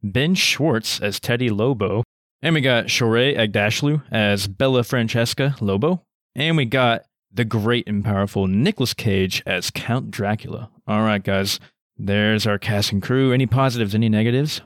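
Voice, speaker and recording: Male podcast co-host, slightly low voice, casual presenting, dry close sound. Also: moderate pace, dry recording.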